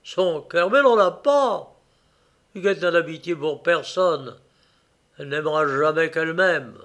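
A man's voice: fairly high pitch, unhurried, a bit bright. A man playing a bitter, heartbroken young village man who speaks with plaintive anguish in a read-aloud story.

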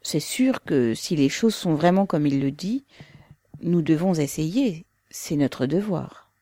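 A woman's voice: fairly low pitch, a little slow, dark tone, no room sound. Woman reading as Saschenka, earnest young revolutionary.

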